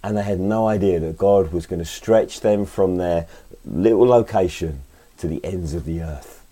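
A man with a croaky, slightly hoarse voice from a cold, speaking as a pastor in an informal, conversational sermon style with hesitations and tag questions. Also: sits low, moderate pace, warm tone. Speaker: pastor leading an online Sunday service. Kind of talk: informal sermon and worship welcome.

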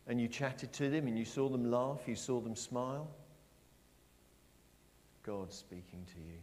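A middle-aged man preaching a sermon, asking his congregation questions and stressing his words slowly. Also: mid-range voice. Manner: lively, questioning the congregation, slow emphatic phrasing. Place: church. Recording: long church reverb.

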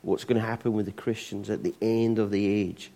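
Mellow-voiced Scottish preacher, conversational. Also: male voice, lowish voice, fairly even intonation, brisk, vocal fry. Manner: conversational preaching with frequent restarts and repeated words. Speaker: pastor. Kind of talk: sermon.

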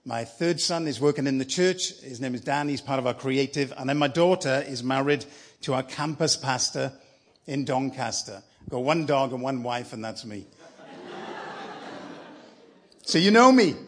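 A man in his fifties with a South Welsh accent, giving a sermon live in church as a guest preacher, telling his story with lively enthusiasm. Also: on the high side. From South Wales. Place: church sanctuary.

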